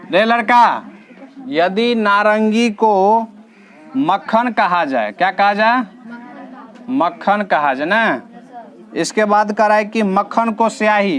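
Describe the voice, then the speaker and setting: A man's voice: sits high, a bit bright. A male teacher, patiently walking his students through reasoning questions in a classroom and repeating each answer.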